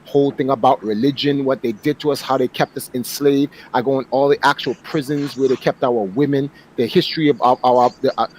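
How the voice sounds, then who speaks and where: Man in his forties, guest on a casual voice-chat panel. Animated, emphatic, frequent restarts. Light background noise. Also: mid-range voice, brisk, hardly any pauses, rough recording. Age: 40s. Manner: animated, emphatic, repeats words when starting a thought.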